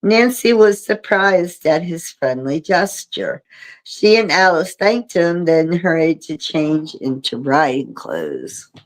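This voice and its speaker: A woman reading a mystery novel aloud on a livestream, in a steady storybook manner. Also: sits low, slow. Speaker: reader.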